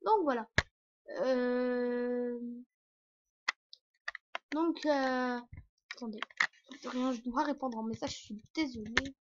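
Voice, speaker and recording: A woman's voice: fairly high pitch, fairly even intonation, slow, long pauses, noisy background. A young woman vlogging in a rambling, hesitant way, full of fillers and restarts. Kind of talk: casual rambling vlog. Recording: dull lo-fi recording.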